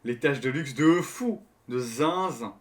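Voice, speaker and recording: A man's voice: mid-range voice, expressive, takes it slowly. A man doing casual, slangy gameplay commentary and talking to his viewers. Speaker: gaming streamer. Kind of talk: casual gameplay commentary, reading game dialogue aloud. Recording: music behind the voice.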